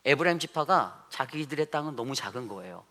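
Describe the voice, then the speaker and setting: A pastor delivers a Sunday sermon in a church sanctuary. His voice is bright and forceful, with a middle pitch. He preaches in an animated way, asks rhetorical questions and acts out quotes. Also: a little fast.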